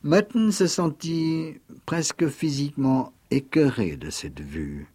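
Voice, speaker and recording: A man narrating a classic detective story in a measured storytelling manner, dropping to a hush at times. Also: on the high side, animated, slightly rough, dry recording. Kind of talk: literary reading.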